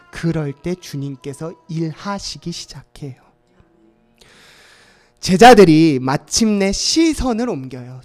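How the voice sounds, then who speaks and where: A male pastor preaching a sermon, acting out quoted voices and swinging from hushed tones to loud cries. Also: on the high side. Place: church sanctuary.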